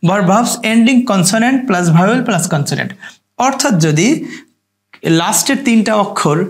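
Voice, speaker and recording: A man teaching a grammar lesson, patiently repeating each rule step by step. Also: high voice. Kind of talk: grammar lecture.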